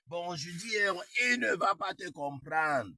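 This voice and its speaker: A man's voice: high voice, expressive, measured pace, pushed and bright. A young man chatting casually, repeating himself and sprinkling English words into his French. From Cameroon. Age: young adult. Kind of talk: casual chat.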